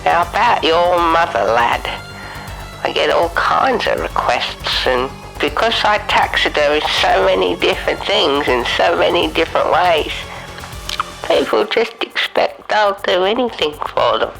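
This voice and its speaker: A man's voice: a little high, lively intonation, measured pace, gravelly, bright, forceful tone, faint music behind, exaggerated voice, rough recording. A man voicing a pompous, eccentric male taxidermist who speaks grandly and calls people mate and lad. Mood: haughty.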